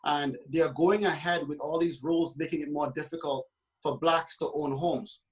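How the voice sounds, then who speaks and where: A man's voice: on the high side, fairly even intonation, normal speed, low-quality recording. A man from Trinidad and Tobago who works as a realtor, speaking passionately on a panel discussion with many fillers and restarts.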